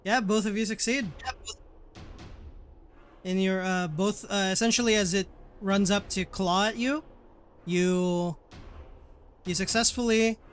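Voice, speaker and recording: High-voiced man as game master. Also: a bit bright, clear, resonant tone. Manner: rambling, halting descriptions full of fillers. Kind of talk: running a tabletop horror game.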